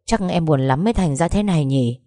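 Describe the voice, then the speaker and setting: A woman's voice: low-pitched, lively intonation, brisk, mellow, no echo, studio quality. A woman voicing a spiteful, scheming young woman who taunts and sneers at her rival. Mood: taunting.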